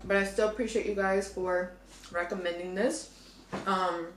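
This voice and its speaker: A woman's voice: mid-range voice, steady tone, normal speed, echoey room, far from the mic. A young woman talking casually to her viewers as she eats through a meal, chatting between bites. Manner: chatty, eating while talking, addresses viewers as y'all. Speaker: food vlogger. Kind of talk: casual mukbang chat to camera.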